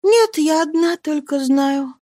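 A woman voicing a tearful, secretive young girl who answers softly and evasively in an audiobook. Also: high voice, lively intonation, slow pace, voice pushed up. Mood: plaintive. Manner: soft, evasive, pleading. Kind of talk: audiobook reading.

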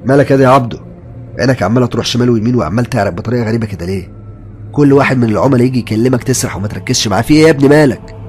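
A man's voice: mid-range voice, rapid-fire, a little mellow, soft background music, pitched above the performer's own voice, lightly acted. A man voicing a joking, superstitious young male coworker with an Egyptian accent, chummy and insistent. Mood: concerned. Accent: Egyptian Arabic.

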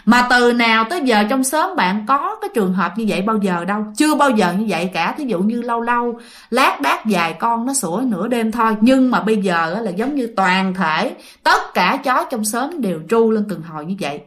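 A woman's voice: a little high, lively intonation, brisk, fairly bright tone. A woman telling a listener's ghost story in a chatty way, speaking straight to her listeners. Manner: chatty, addresses listeners directly.

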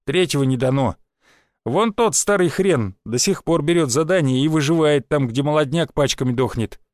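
Guy doing a gruff old hunter mentor, cusses, flares up fast. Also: on the high side, a little mellow, dry recording, clean studio sound, natural voice. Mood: blunt. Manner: blunt, coarse, quick to anger. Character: gruff hot-tempered veteran hunter mentor.

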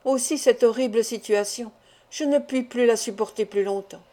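Woman reading a tearful, impassioned older mother, high and warm-toned, audiobook. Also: moderate pace, natural voice. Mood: anguished pleading. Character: anguished middle-aged mother torn by shameful love.

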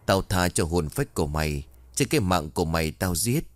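A man's voice: low-pitched, lively intonation, brisk, no echo, pitched below the performer's own voice. A man voicing a vengeful female ghost who hisses cruel, gloating threats. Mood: mocking. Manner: hissing, taunting threats.

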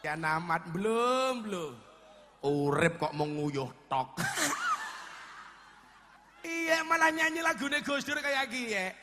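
A man with a Javanese accent preaching a humorous sermon, animated, shouting punchlines and mimicking regional dialects. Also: high voice, slow, long pauses. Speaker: Islamic preacher. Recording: long hall reverb, faint background noise.

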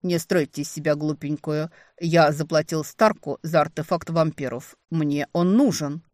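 A reader voicing a smooth, menacing man who coos his threats softly. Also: medium pitch, normal speed, dry recording, studio quality, close to an everyday voice. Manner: soft cooing, calm threats. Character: smooth menacing male kidnapper, velvety and cooing.

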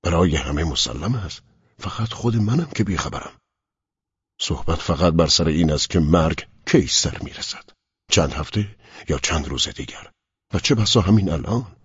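A man's voice: low-pitched, animated, husky, no room sound, highs cut off, heavily acted. A man voicing a frightened, bitter dying middle-aged judge in an audiobook, in an anguished inner monologue. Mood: despairing. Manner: anguished inner monologue, rising to near-whispers. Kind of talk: audiobook reading.

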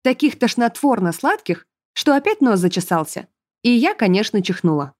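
A woman narrating a first-person fantasy audiobook in a lively, expressive way. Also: on the high side, normal speed.

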